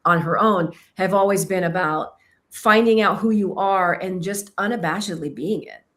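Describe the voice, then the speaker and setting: Woman filmmaker from Kentucky, slightly low voice, reflective, self-deprecating, halting interview delivery. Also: a bit bright. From Kentucky, United States. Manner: thoughtful, self-deprecating, searching for words. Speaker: filmmaker and author. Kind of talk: casual interview answers.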